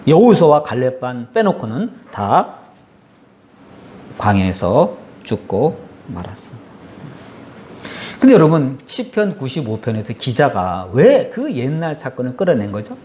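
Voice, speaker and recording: Telling the story in his sermon, this pastor animates the grumbling crowd's voices and puts questions to the congregation. He speaks in a mid-range voice at a measured pace, with slight background noise behind him.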